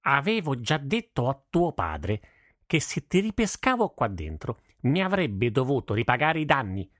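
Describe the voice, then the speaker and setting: A man's voice: medium pitch, very animated, unhurried, a bit bright, no room sound, studio quality, voice pushed up. A man voicing a toothless, furious old farmer who scolds and grumbles in a storybook reading. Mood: scolding.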